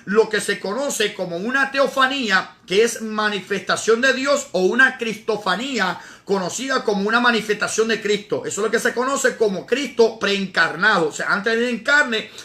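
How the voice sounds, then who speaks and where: A man preaching and teaching scripture in a live stream, his voice pitched high and bright. He is emphatic, repeats words for stress and reads verses aloud between his explanations. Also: normal speed, hardly any pauses. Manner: greets viewers by name in between. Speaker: evangelist preacher.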